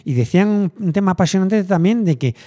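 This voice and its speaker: Middle-aged man, from Spain, casual rambling chat, lively up-and-down voice, fairly high pitch. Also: quick pace. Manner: rambling, thinking aloud with many fillers and restarts.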